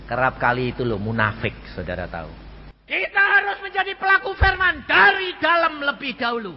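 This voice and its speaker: A man's voice: extremely high pitch, wildly swooping pitch, a little fast. An older man with a Javanese accent preaching a sermon, telling stories with animation and acting out the people in them. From Central Java, Indonesia. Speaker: evangelist preacher. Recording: dull, reverberant hall recording with faint noise.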